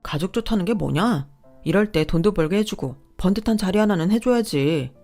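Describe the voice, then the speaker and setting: A woman's voice: mid-range voice, expressive, fairly quick, warm tone, faint music behind. A woman voicing an entitled, scheming young husband who whines and makes demands. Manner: whiny, demanding, indignant.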